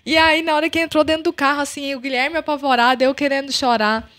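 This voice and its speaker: Animated Brazilian woman telling a story. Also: sits high, quick pace, no room sound. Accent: Brazilian Portuguese. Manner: animated, acts out the dialogue of her story. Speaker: podcast host. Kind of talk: personal storytelling on a podcast.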